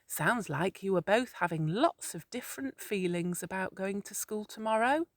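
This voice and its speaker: A woman voicing a wise, gentle male woodpecker in a children's storybook, speaking softly and reassuringly. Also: medium pitch, lively intonation, moderate pace, no room sound, clean studio sound, lightly acted. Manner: soft, kindly, reassuring.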